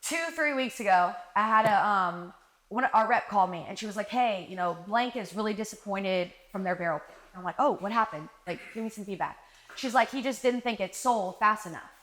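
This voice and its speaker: A woman guest on a podcast, telling stories in a casual, animated way, acting out quoted conversations and saying "like" often. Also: medium pitch, brisk. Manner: animated, acts out quoted dialogue, frequent "like". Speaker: marketing director guest. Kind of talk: casual interview storytelling. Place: live podcast recording.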